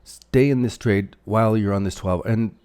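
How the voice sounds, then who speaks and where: Canadian male streamer, low, mellow voice, loose rambling delivery while he reads chat and marks up charts. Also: moderate pace, smooth. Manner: rambling, thinks aloud while drawing on charts; reads out and answers viewer chat. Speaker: crypto livestream host. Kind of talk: casual livestream chart commentary.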